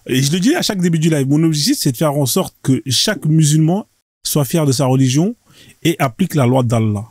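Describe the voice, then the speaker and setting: A man's voice: a little high, animated, fairly quick, a little mellow, no echo, studio quality. A man hosting a live stream debate, mocking his guests and laughing often. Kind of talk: casual debate.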